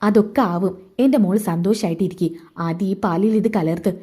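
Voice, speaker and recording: A woman's voice: mid-range voice, moderate pace, dark tone, breathy edge, natural voice. A woman doing a scheming, bossy mother. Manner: plotting, bossy, conspiratorial. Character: scheming, greedy middle-aged mother-in-law.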